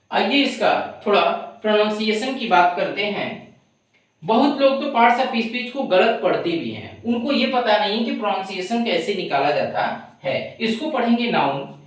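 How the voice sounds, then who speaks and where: A woman teaching an English lesson, drilling pronunciation slowly and often checking whether the class follows. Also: mid-range voice, heavy reverb, far from the mic, low-quality recording. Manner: drills words slowly, often asks if students understand. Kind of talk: classroom-style tutorial.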